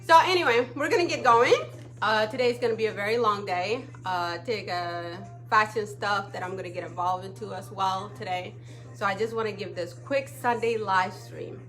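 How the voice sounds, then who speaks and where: A woman's voice: medium pitch, fairly bright tone. A woman from Ethiopia, hosting a casual live stream and often checking in with her viewers. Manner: chatty, often checks in with "okay?". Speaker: livestream talk show host.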